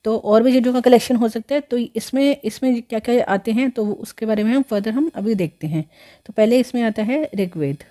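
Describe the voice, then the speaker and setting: Speaking at a normal speed in a warm, fairly high voice, a female history teacher explains her lesson step by step. Her lecture is full of fillers and self-corrections, with English words woven in.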